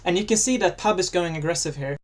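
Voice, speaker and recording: A man's voice: sits high, fast. A man casting a video game match, chatty and jokey, lifting his voice when fights break out. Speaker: esports commentator. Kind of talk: casual game commentary.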